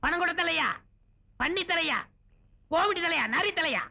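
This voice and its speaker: A man's voice: very high voice, normal speed, creaky, bright, forceful tone, heavily acted. An actor playing a cheeky matchmaker who is out for his commission, in mocking, giggly comic film dialogue. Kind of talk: 1990s film comedy dialogue. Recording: dull old film soundtrack with faint hiss.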